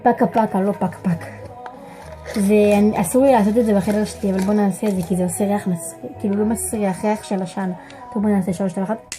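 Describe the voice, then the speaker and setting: A girl in her early teens chatting casually to the camera in a home video, often searching for words and getting excited. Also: medium pitch, soft background music. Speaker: vlogger. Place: home bedroom.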